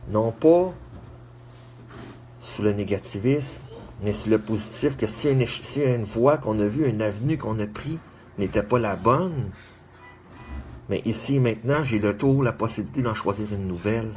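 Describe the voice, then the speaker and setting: A man speaks in a lowish voice, delivering an earnest motivational monologue. He repeats encouraging phrases in slow, measured runs. A faint hiss sits quietly under his voice. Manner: earnest, repetitive exhortations with measured pauses; greets viewers by name.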